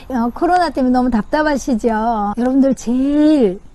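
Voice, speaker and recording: A woman's voice: a little high, expressive, brisk, very noisy. A woman parenting coach giving casual advice outdoors, speaking straight to the viewers as she explains. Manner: warm explaining, addresses viewers directly. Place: outdoors in nature.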